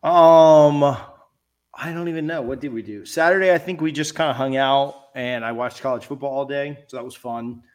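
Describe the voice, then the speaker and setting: A man's voice: medium pitch, moderate pace, clean tone. A middle-aged man co-hosting a podcast, chatting casually in a laid-back, rambling, hesitant way. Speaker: podcast co-host. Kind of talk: casual chat.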